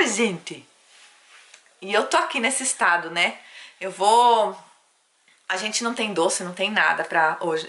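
A woman's voice: mid-range voice, bright, forceful tone. A young Brazilian woman vlogging casually at home, chatty and doting as she talks to her baby. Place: at home, bedroom.

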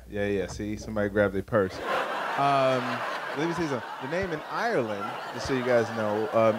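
Stand-up set by a man in his 40s from Chicago, USA: he works a small studio stage with a handheld mic, chatting conversationally, tossing in playful asides and using high-pitched voices to land punchlines. The background is noisy.

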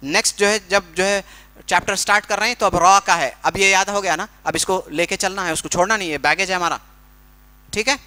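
A man teaching Quran recitation in a workshop, explaining pronunciation patiently with everyday comparisons and slow, drawn-out demonstrations. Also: high-pitched, pushed and bright, smooth.

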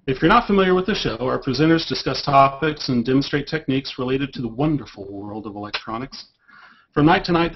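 A man's voice: mid-range voice, vocal fry, slightly rough. A man hosting a hobby electronics show, upbeat and jokey, introducing his presenters. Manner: upbeat, jokey host apologizing for puns. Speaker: host. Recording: dull lo-fi sound with faint noise.

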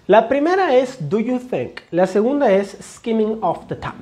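Un hombre con acento mexicano que enseña inglés y explica fonética con ejemplos repetidos, dirigiéndose a su clase como «señores». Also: male voice, sits high, big pitch swings, unhurried, darkish tone, a little hiss or hum. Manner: explanatory, repeats examples, addresses class as señores. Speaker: English teacher. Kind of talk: phonetics lesson.

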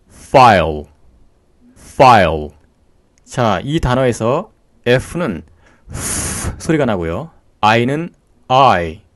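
Korean guy giving a pronunciation lesson, patient, demos sounds slow, voice moves up and down a lot. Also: medium pitch, a little mellow. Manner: patient, explanatory, demonstrates sounds slowly. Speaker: English pronunciation teacher.

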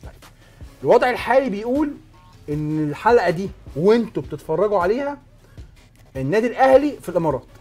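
Egyptian guy hosting a sports talk show, talks really quick, hammers his points home. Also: high voice, very animated, darkish tone, soft background music. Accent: Egyptian Arabic. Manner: emphatic, explaining step by step.

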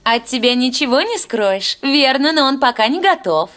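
A patient, soothing cartoon mother with a high, bright voice. She speaks gently and reassuringly. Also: animated, moderate pace. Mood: gentle. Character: kind, patient mother baking a pie. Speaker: dub voice actor. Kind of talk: cartoon dub acting.

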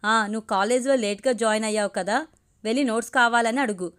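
A teasing young college buddy full of chummy banter, read in a storybook reading by a woman with a higher voice. He jokes along with his friend and eggs him on. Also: fast, fairly bright tone, clean tone, natural voice.

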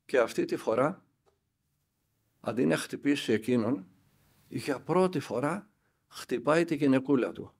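An older man, an elder monk, tells a spiritual story and acts out the dialogue with lively emphasis. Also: medium pitch, vocal fry, long pauses, breathy edge.

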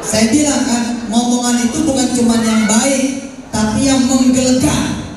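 Animated preacher, echoing hall. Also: male voice, very high-pitched, measured pace. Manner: animated, acts out announcements, leads prayer in Arabic recitation. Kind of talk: sermon to a congregation. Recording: echoey hall from far off with music.

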